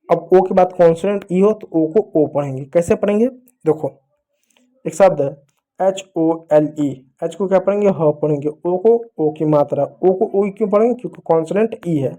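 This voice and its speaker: A man with a fairly high, mellow, slightly raised voice teaches children to read. He keeps posing questions to the class and answering them himself, spelling words out slowly letter by letter.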